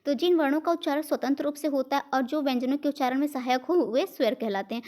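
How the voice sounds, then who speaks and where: Talking fast in a high but mellow voice, an Indian-accented woman takes students through an exam-prep grammar lesson step by step. She raises questions and answers them herself, blending English words into her teaching.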